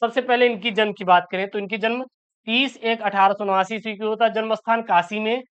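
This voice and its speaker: The exam-prep instructor speaks fairly quickly in a high, steady voice that is fairly bright, clear, and resonant. Heard through a dull lo-fi recording, he raises questions and answers them himself, habitually adding "sir" as filler.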